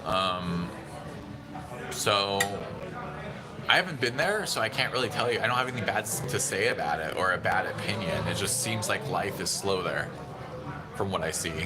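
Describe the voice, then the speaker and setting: Loud music plays behind this deep-voiced man in his 30s from San Diego, who speaks at a moderate pace. He's a livestream host rambling loosely and answering chat over his phone in a busy indoor restaurant full of crowd noise.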